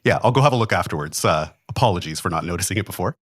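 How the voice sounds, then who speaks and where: A young man chats casually as a podcast guest. His voice sits low, and the room sound is dry and close. He rambles a little, leaning on "like" and "kind of". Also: rapid-fire, breathy edge, no echo. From Canada. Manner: relaxed and rambling, lots of "like" and "kind of". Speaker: podcast guest, building engineer. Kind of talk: casual interview chat.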